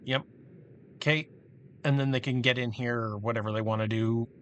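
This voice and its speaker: A man giving casual, halting commentary while he plans a build in a game, thinking aloud with many restarts. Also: medium pitch, fairly even intonation, fairly bright tone, slight background noise. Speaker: gameplay commentator.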